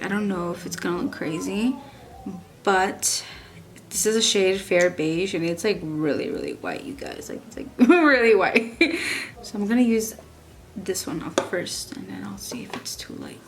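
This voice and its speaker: A young woman from Texas, chatting casually through a makeup review and rambling with lots of likes and restarts. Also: mid-range voice. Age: young adult. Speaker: beauty vlogger.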